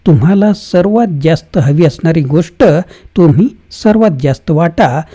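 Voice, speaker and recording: A narrator reading a self-help book summary in a steady, even scripted narration with no fillers. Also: mid-range voice.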